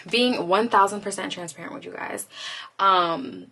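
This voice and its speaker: A woman's voice: mid-range voice, normal speed, sharp tone, a little hiss or hum. A woman vlogger chatting casually to her phone camera at home, rambling and teasing herself, still out of breath. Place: home office indoors.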